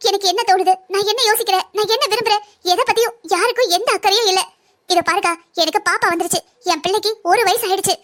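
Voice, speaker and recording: A woman voicing a very high-pitched young wife. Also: fairly bright tone. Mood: pleading. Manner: pleading yet defiant. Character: young wife and mother, a doctor, defiant. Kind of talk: cartoon drama voice acting.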